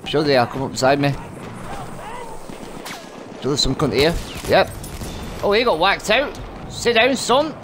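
A man giving excited, foul-mouthed commentary over his shooter gameplay, taunting enemies and laughing. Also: a little high, measured pace, pauses often, noisy background. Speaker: gamer narrating his clips. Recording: gunfire and music behind the voice. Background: gunfire and music from the game.

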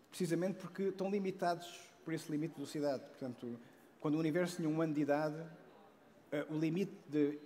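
A man in his forties with a European Portuguese accent, giving a casual public science talk on a large auditorium stage through a headset mic, full of restarts and tag questions. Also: on the high side. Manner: animated, many restarts and "não é?" tags, joking asides. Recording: long hall reverb.

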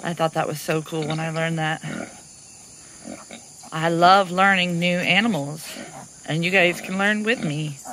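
A homestead vlogger films her animals outdoors among farm pens and pasture, narrating casually during chores, laughing often and talking sweetly to them. Her voice is fairly low, steady and fairly bright, a little slow with long pauses.

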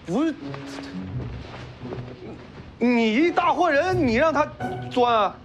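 A stammering young village man, with a Northeastern accent and a lively, swinging voice. He dodges blame in bursts. Faint music plays under the drama. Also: very high voice, slow, heavily acted. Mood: defensive. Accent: Northeastern Chinese. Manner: stammering, defensive. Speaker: son Bingkun. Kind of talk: TV drama acting.

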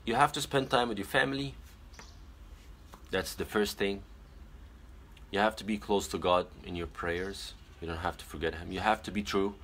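With slight background noise, a deep, fairly evenly intoned, a bit bright voice comes from a young adult man live streaming in his small bedroom. An Arabic-native pageant titleholder, he reads viewer comments and earnestly advises them, pausing frequently on fillers, his phone camera held at arm's length.

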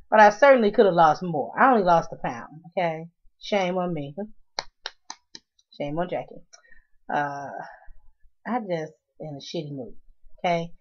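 Frank chatty woman, lo-fi home video. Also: on the low side. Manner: frank, chatty, grumbling with laughs. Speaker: vlogger. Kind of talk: casual vlog talk to camera. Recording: dull lo-fi home video sound.

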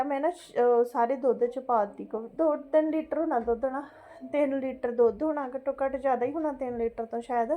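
A middle-aged Punjabi woman with a high, soft-edged voice tells a story to her vlog viewers. She is fretful and exclamatory, circling back over her points and tagging phrases with little questions for agreement. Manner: fretful and exclamatory, repeats herself, seeks agreement with tag questions. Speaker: home vlogger. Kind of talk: casual chatty storytelling to viewers.

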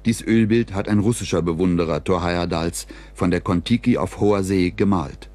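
A man reading scripted documentary narration in a measured, even storytelling delivery. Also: low-pitched.

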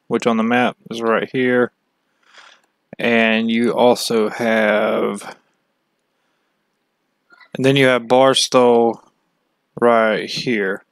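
Speaking very slowly and pausing often between short phrases, a man gives a casual walkthrough in a plain, matter-of-fact way, much like a hobby channel host explaining something on screen. His medium-pitched voice is smooth and clear. The recording is close and very dry, with no room sound.

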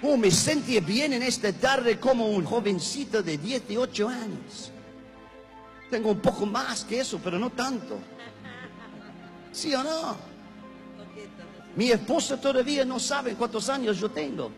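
A man in his fifties preaching a shouted revival sermon in simple broken Spanish, calling out prompts to the crowd and joking. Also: very high-pitched, expressive, measured pace, long pauses. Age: 50s. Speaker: guest preacher. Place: large crusade gathering. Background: faint music and crowd.

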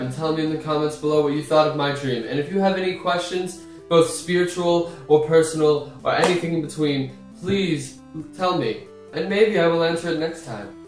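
Echoey, deadpan young man telling dreams. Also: fairly high pitch, soft background music. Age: 20s. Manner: deadpan, dramatic pauses. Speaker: host of a comedic dream diary video series. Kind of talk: mock-mystical scripted storytelling to camera. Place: small indoor room at home. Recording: echoey small room, distant mic.

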